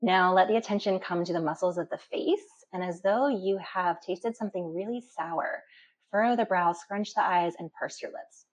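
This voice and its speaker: A woman teaching deep relaxation meditation speaks in a calm, guiding manner punctuated by slow pauses. Everything is captured in dull, muffled lo-fi sound.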